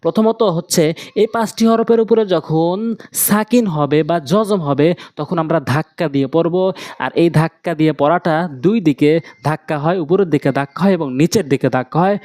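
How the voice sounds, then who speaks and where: A man teaching Quran reading in a somewhat high voice. He spells out each letter with its vowel marks. He repeats every word slowly in a patient recitation lesson. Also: darkish tone.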